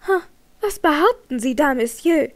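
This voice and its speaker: In an audiobook, a woman reads a troubled young singer, tense and trembling under pressure. Her voice sits fairly high and carries a brittle edge. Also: moderate pace, lightly acted. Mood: tense defensive. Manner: tense, trembling, icy at times. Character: young female opera singer, troubled and evasive. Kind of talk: audiobook character reading.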